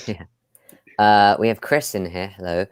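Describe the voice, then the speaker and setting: A man with a very low, deep voice hosts a relaxed live chat over a video call. He talks loosely, full of fillers and little laughs. The sound is dry and close, with no room around it. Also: measured pace, smooth, dry recording. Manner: chatty, many fillers, laughs often. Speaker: host. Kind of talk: casual live discussion.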